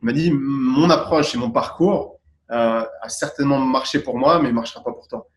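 A man's voice: medium pitch, moderate pace. A man from Tunisia answering interview questions as a guest artist, thoughtful and searching for his words. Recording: roomy echo.

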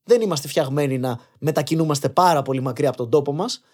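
On a podcast, a young male guest argues his points with animated energy, dropping English phrases into the casual conversation. His voice sits a little high.

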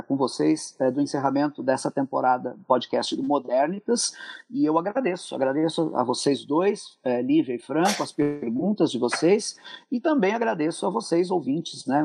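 A man's voice: a little high, expressive, moderate pace, gravelly, darkish tone, husky, no echo. A Brazilian Portuguese-accented man, a historian guest on a podcast interview, talking enthusiastically with many asides, restarts and tag questions. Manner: enthusiastic, digressive, frequent "né" tags and restarts.

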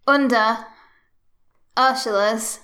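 A woman's voice: on the high side, steady tone, takes it slowly, sharp tone. A woman co-hosting a podcast, chatting casually with a playful manner. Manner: playful, giggly banter. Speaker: podcast co-host. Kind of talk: casual chat.

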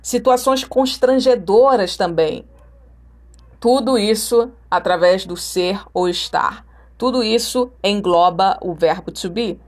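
A woman's voice: mid-range voice, slow. A Brazilian woman teaching English, repeating example phrases to model their intonation. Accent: Brazilian Portuguese. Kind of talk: recorded language lesson.

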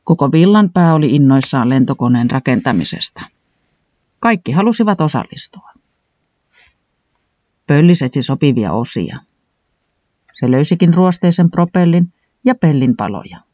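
A man narrating a children's storybook in an animated, sing-song reading style. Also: fairly high pitch, pauses often, no room sound, lo-fi sound.

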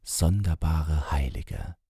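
Storybook father, voiced by a man, grumbling, gravelly and dark. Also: takes it slowly, dry recording, studio quality, full character voice. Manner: grumbling, low. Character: poor gruff father, grumbling.

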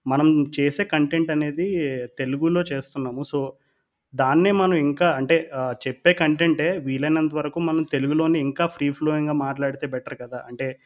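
A man with a slightly high voice and a Telugu accent talks casually on a podcast. He freely mixes English words into Telugu sentences. His explanations wind along with hesitant pauses. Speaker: cricket podcast co-host.

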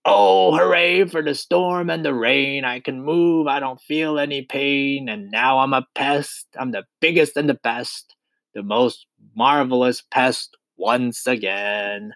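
A man's voice: mid-range voice, sing-song, extremely slow, no echo, voice pushed up, exaggerated voice, low-quality recording. Man doing a gleeful boasting centipede. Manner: sing-song, gleeful and showy. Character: boastful exuberant male centipede. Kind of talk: storybook read-aloud.

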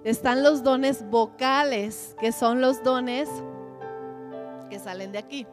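A woman's voice: fairly high pitch, takes it slowly, over music. A middle-aged woman teaching a church seminar, asking her audience questions and repeating words for emphasis.

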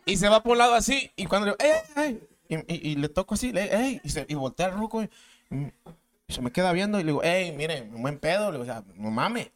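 A man, a guest telling slangy, animated stories and acting out the voices in them. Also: high voice, quick pace. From Mexico. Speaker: interview guest. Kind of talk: casual storytelling.

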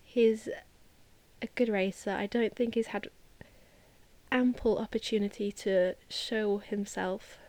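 A woman's voice: mid-range voice, fairly even intonation, slow, darkish tone, dry recording. A woman co-hosting a podcast, chatting in a playful, teasing way. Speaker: podcast co-host. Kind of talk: casual chat.

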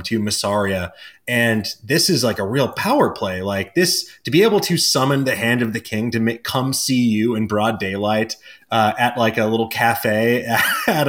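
A man's voice: mid-range voice, fairly bright tone. A man hosting a podcast, talking casually with many hesitations before he passes questions to his guests. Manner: hesitant, filler-heavy, hands off questions. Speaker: podcast host. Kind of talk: casual chat.

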